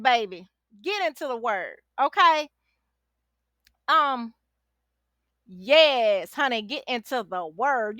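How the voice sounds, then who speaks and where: In a dry, close recording with no echo, a woman with a high, forceful voice leads a casual, chatty Bible study to camera, coming across like a talkative life coach. She exhorts the listener, repeating phrases for emphasis, and keeps a sassy, familiar tone full of endearments like "baby" and "honey."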